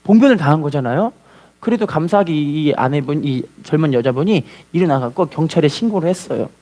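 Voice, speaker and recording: A man preaching a sermon as a pastor, telling a story with lively call-and-response. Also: fairly high pitch, fast.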